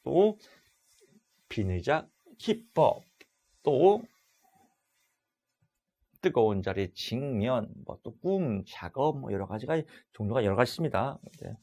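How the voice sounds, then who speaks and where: A middle-aged man teaches an exam-prep class in a loud, animated way. His voice sits at an ordinary mid pitch. He keeps the lesson lively by acting out short exchanges. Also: slow, pauses often. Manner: loud, animated, acts out dialogues. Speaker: lecturer.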